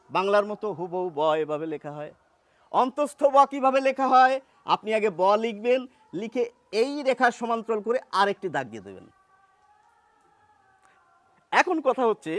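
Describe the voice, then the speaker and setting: A man explains a point of grammar as a patient teacher. He poses rhetorical questions and says example words slowly, pausing with small fillers. The sound is dry and close, with no room echo. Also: sits high, fairly bright tone. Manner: hesitant fillers while thinking. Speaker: language teacher. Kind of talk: explanatory lesson to camera.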